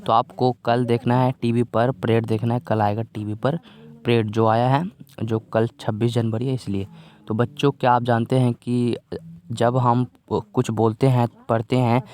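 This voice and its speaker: A man's voice: medium pitch, little pitch movement, a little slow, a little mellow. A man teaching a worksheet lesson to young children in a casual, patient way, often repeating himself and asking if they follow. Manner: patient, repeats phrases and keeps asking "theek hai?".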